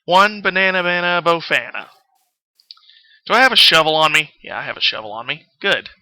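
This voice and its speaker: A man with a slightly high, bright, forceful voice and lively intonation tells stories briskly while gaming on a live stream, over background music. The recording is smooth and dry, and he rambles absent-mindedly, often losing his thread.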